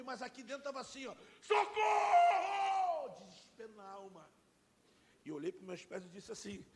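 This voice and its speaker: A middle-aged man preaching a sermon and telling his own testimony, swinging between loud and hushed like a dramatic storyteller. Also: very high-pitched, gravelly, slightly rough. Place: church sanctuary. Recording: long hall reverb.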